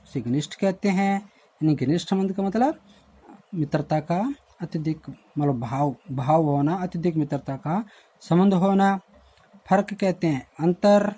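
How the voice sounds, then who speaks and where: A man's voice: high-pitched, warm tone. Patient man teaching vocabulary. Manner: explains word meanings slowly, repeating and addressing children. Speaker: Hindi teacher. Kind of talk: recorded online class lesson.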